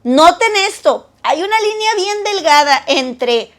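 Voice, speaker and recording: A woman giving a conversational sermon to women, animated and talkative, acting out the voices of people she quotes. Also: very high-pitched, unhurried.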